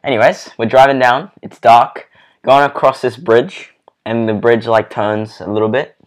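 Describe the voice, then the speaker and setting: A young man co-hosting a relaxed podcast chat, speaking at a moderate pitch. He chips in with brief, quick remarks and short stories of his own. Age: young adult. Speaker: podcast co-host. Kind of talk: casual chat.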